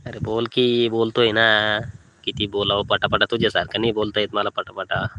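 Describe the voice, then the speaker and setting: A man's voice: lowish voice, little pitch movement, normal speed, bright, forceful tone, dull audio, a little hiss or hum. A young man, chatting casually on a phone live stream from a brick kiln and greeting viewers by name. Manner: easygoing, greets viewers by name, repeats phrases. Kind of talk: casual live-stream chat reading comments.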